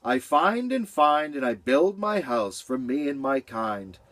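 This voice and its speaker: A man's voice: medium pitch, very animated, a little slow, a bit bright. A man doing a cheerful singsong storybook beaver. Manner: singsong and playful. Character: cheerful hardworking male beaver who loves to sing.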